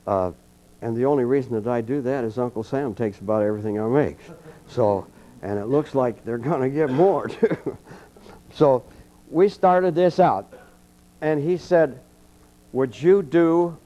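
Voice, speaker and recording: An older man with a dark, mellow voice tells folksy stories and calmly coaches a room of students through slow breathing. The tape sounds dull and lo-fi, like an old archival clinic recording. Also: mid-range voice, slight background noise. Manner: folksy, anecdotal, calm coaching. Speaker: trumpet teacher giving a clinic. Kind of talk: storytelling and leading a breathing exercise. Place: college clinic room with an audience.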